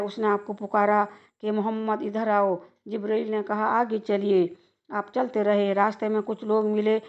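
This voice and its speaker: Woman telling a religious story, pretty flat delivery, kinda muffled lo-fi sound. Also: medium pitch. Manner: steady recitation with occasional restarts. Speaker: religious narrator. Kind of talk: devotional storytelling. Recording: dull lo-fi recording.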